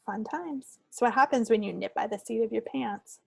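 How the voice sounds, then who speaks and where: A woman co-hosting a podcast talks about her knitting projects in a casual, rambling, self-deprecating manner. Her fairly high voice is gravelly and husky yet a little mellow, delivered at a moderate pace with no echo.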